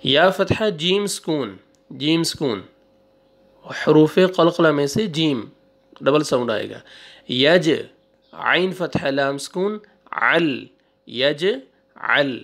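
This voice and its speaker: A male Quran teacher spelling out syllables one by one, drawing out the recited words and giving quick asides between them. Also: a little high, expressive, fairly bright tone. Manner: slow drawn-out recitation, then quick asides. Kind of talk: spelling out syllables in a reading lesson.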